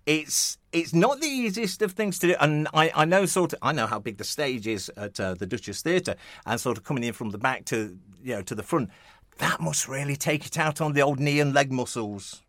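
A jovial male radio host chats with guests in a slightly high, very animated voice, often tripping over his words and restarting. He speaks into a studio mic in a dry, close room. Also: no room sound. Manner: rambling, full of restarts and fillers; jovial, chuckling. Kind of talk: casual interview chat.

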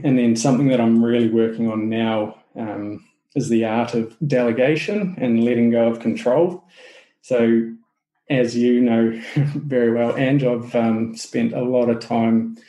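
Here's a casual interview chat from a podcast guest, a New Zealand-accented man with a mid-range voice who discusses his business. It's a low-quality recording in an echoey room. He keeps things relaxed, often restarting and leaning on fillers.

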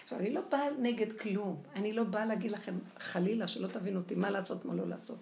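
An older woman giving a lively spoken religious lecture, acting out the voices she quotes. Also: medium pitch, gravelly. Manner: animated, acts out quoted voices. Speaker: religious teacher. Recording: echoey room with faint noise.

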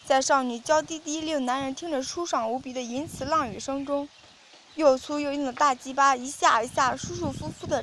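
A woman with a high, light voice narrates an audio story at a steady, even reading pace. The narration is measured and continuous, with a faint hiss in the background.

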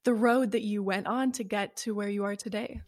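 A woman's voice: mid-range voice, fairly even intonation, fairly quick, no echo, studio quality. A woman hosting a wellness podcast, introducing the episode and her guest in an upbeat, chatty way. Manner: upbeat, chatty, with frequent "you know". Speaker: podcast host.

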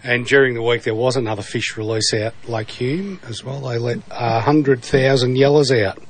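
A man's voice: mid-range voice, fairly even intonation, moderate pace, husky. An Australian man co-hosting a casual fishing talk show, trading jokes and local news. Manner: joking, dry banter. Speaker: podcast co-host. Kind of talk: casual chat.

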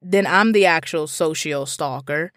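A woman hosting a podcast, delivering a comedic monologue that swings between loud profane outbursts and low asides. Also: unhurried, no echo, studio quality. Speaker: podcast host.

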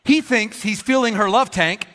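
Bright, animated man preaching in a hall. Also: sits high, normal speed. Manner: animated, conversational, acts out little scenes with playful humor. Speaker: pastor. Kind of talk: sermon. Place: church auditorium. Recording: long reverb of a large hall.

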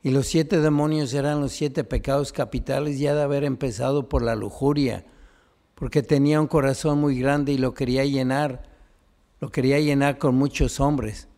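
A man's voice: medium pitch, fairly even intonation, moderate pace, dark tone. A man, a priest, reading the gospel and giving an earnest homily that speaks directly to listeners.

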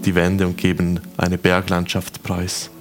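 A man from Switzerland narrating as game master of a tabletop game, slow and dramatic, voicing figures' quotes. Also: deep voice, monotone. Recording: music playing behind.

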